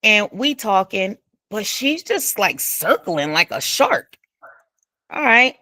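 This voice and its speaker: A woman casually retelling an awkward evening to someone, acting out quoted speech and talking in an informal, relaxed way. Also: takes it slowly, no echo, clean studio sound. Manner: animated, acts out quoted speech with big pitch jumps; informal speech with dropped verb endings. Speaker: storyteller recounting an incident.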